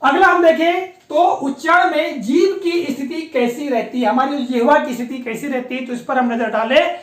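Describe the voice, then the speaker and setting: High-voiced woman teaching in an echoey room. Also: moderate pace. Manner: patient, explanatory, often repeats a confirming filler. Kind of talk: classroom-style lecture on pronunciation.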